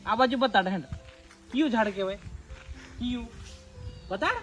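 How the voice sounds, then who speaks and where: Brief: woman vlogger, higher-pitched, coaxing and patient. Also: animated, normal speed, over music. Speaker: vlogger quizzing village children. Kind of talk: casual outdoor chat.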